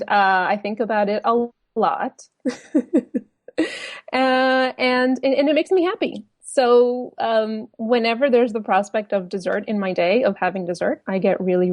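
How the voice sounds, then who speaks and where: Woman, thirties, New York American accent, podcast guest, laughs a lot, mid-pitched, dry sound. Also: unhurried, dry recording. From United States, New York. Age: 30s. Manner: giggly, chatty, laughs often. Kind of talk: casual podcast interview.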